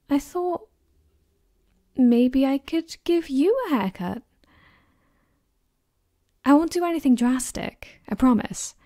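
Close to a binaural microphone, a young woman takes the role of an affectionate, lightly teasing girlfriend for ASMR, sounding playful and coaxing. Her slightly high voice stays soft, breathy and soothing.

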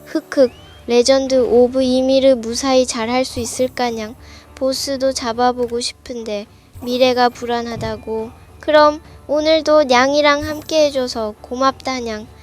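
A very high-voiced woman narrates a gaming video in a scripted style. She plays up a cutesy cat persona, tagging sentences with nya. Light music runs underneath her voice. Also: fairly even intonation, unhurried. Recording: music behind the voice. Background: background music.

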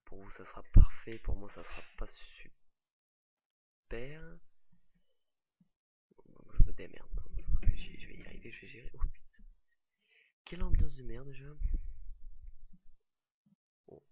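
A young man with a gravelly, dark voice talks slowly through a horror game. He sounds jittery and self-mocking and swears often. The sound is a little husky and uneven, from a quiet home mic. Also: mid-range voice, sing-song, poor audio. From France. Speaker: gamer. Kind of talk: casual horror game commentary.

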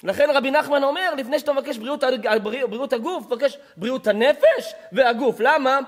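A male rabbi giving a sermon, emphatic, swinging between loud stresses and hushed storytelling. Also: extremely high pitch.

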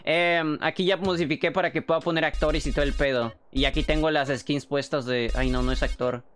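A young man with a Mexican accent, chatting fast and excitably on a livestream, swearing freely while showing how he works. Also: on the high side, faint music behind. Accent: Mexican Spanish. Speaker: streamer. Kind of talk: casual livestream chat.

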